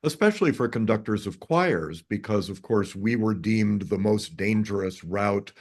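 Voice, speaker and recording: A man in his fifties, a conductor answering interview questions over a video call, measured and articulate. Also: lowish voice, expressive. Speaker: conductor, guest.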